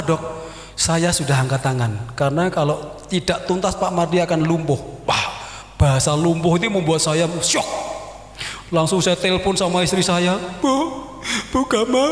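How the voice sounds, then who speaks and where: A Javanese-accented pastor with a fairly high voice delivers an animated sermon, telling stories and acting out the dialogue. The echo of the church hall he's in is clear on the recording.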